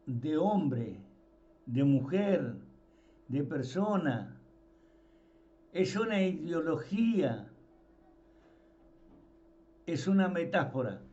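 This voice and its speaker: A man preaches an informal sermon, his voice sitting high for a man. He talks slowly and leans on repeated words for emphasis. The recording sounds dull and lo-fi. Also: a little mellow.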